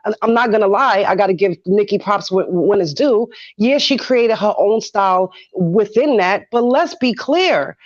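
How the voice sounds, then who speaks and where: A woman's voice: medium pitch, expressive, moderate pace, few pauses, highs cut off. A woman with a New York accent in heated casual discussion, speaking emphatically and repeating phrases for effect. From Brooklyn, New York.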